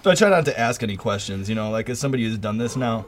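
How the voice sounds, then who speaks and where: A man hosting an interview, asking prepared questions in a measured, deliberate way. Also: lowish voice, lively intonation, a little hiss or hum. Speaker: interview host.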